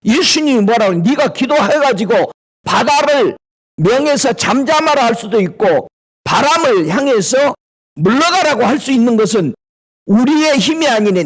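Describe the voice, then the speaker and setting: A man of middle age preaching a sermon in a high, lively voice. He keeps asking his listeners questions and talks in an easy, spoken manner. His pitch climbs and falls a great deal as he goes. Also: breathy edge. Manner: preaches with rhetorical questions and a colloquial tone. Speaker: pastor.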